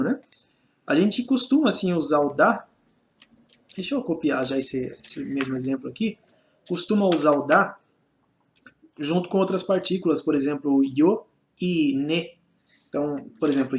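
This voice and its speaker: A man with a Brazilian Portuguese accent teaching a casual online Japanese lesson, chatty and full of "né?" checks. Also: a little high. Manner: chatty, fills with "né?" and restarts while typing examples.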